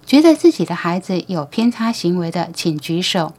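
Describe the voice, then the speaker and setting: A patient, knowing alien teacher speaks to a room of human parents, as a woman reads him aloud. His lines come gently and without hurry in an audiobook reading, close to the reader's own voice. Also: lowish voice, sing-song, normal speed. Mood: gentle, instructive.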